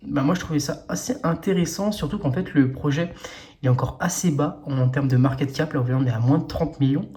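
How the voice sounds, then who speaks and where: A man with a somewhat high voice hosts an investing video. He talks loosely and directly to his viewers, leaning on fillers as he walks through his screen. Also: a little mellow. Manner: chatty, full of fillers, talks straight to viewers. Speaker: crypto investing video host. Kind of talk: casual screen-share walkthrough.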